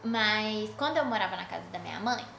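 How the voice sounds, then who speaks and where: A Brazilian woman telling her own spooky stories in a casual chat, animated and dramatic. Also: medium pitch, fairly quick, creaky, slight background noise. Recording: roomy echo.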